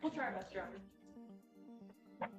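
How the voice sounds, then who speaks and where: A woman arguing for the prosecution in a measured, formal way, heard on a courtroom recording. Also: mid-range voice, animated. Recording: echoey distant courtroom recording with faint music.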